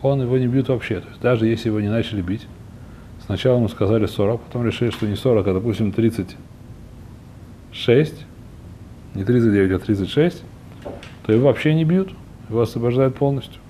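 A man gives an informal Talmud lesson at a quick clip in a mellow, fairly low voice. He repeats himself and hunts for words as he explains. The recording has a faint rumbling noise behind him. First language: not a fully fluent Russian speaker by own account. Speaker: religious teacher.

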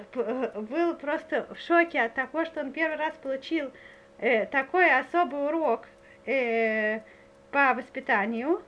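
A woman's voice: sits high, dull audio. A woman giving a spiritual lecture full of stories. She speaks earnestly, often checks whether her listeners follow, and hesitates with many filler sounds. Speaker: religious lecturer.

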